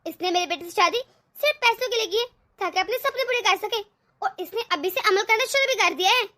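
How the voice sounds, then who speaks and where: A woman's voice: very high voice, quick pace, pushed and bright. A woman voicing a domineering, scheming middle-aged mother-in-law in a cartoon, scolding and sarcastic. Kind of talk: animated cartoon voice acting.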